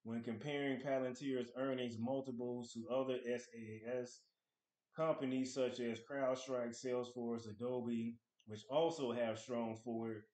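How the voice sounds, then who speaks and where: A man in his thirties who hosts a finance channel sits at his desk in a small room at home, talking casually to camera in a mid-range, darkish voice. He reads article excerpts aloud and comments on them as casual stock analysis, and the room sounds echoey.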